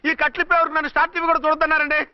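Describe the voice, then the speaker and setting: Nervous bandaged patient, whiny and high pitched, talks fast, old film sound w music. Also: male voice, flat delivery, dry recording, dull audio. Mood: fretful. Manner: whiny, panicky pleading. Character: timid bandaged male patient, jittery and cowardly. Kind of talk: film comedy scene.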